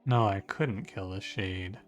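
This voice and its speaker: Lower-pitched man thinking aloud over a game. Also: takes it slowly, faint music behind. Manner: musing, self-correcting, conversational. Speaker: gaming streamer. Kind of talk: casual strategy game commentary, thinking aloud.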